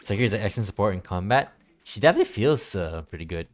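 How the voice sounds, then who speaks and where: A man streams a game and chats casually, his fairly low voice swinging widely in pitch. He thinks out loud in a hesitant, rambling manner, repeats phrases, and has game music playing behind him.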